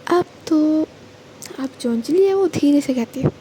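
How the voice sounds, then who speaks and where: A woman's voice: high-pitched, expressive, measured pace, mellow, slight background noise, poor audio. A woman narrating a romance story and voicing its characters, in casual Hindi mixed with English words, with restarts and self-corrections.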